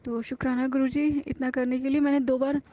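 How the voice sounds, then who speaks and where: High, mellow-voiced woman giving earnest thanks. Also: flat delivery, fairly quick, dull audio. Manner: earnest, confiding, with frequent fillers and restarts. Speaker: devotee sharing a testimony. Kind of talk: personal devotional testimony, casual.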